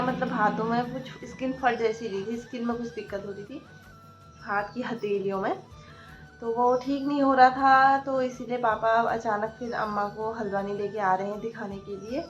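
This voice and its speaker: A woman's voice: a little high, fairly even intonation, normal speed, muffled recording, soft background music. A young woman with a light lilt, chatting casually through a daily vlog at home and talking to her toddler now and then. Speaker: vlogger and mother. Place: indoors in a rented room.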